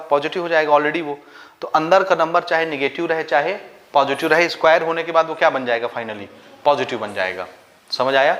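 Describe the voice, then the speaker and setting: A man's voice: a little high, a bit bright. A male maths teacher with a Chhattisgarh Hindi accent, explaining each step and asking the class questions that he then answers himself. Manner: mixes English maths terms into Hindi. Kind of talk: board-style maths lesson.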